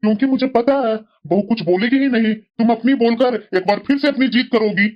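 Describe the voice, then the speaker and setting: A voice actor playing a fair-minded older father-in-law in a cartoon drama, calm and firm. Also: medium pitch, a little fast, close to an everyday voice. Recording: dull lo-fi audio.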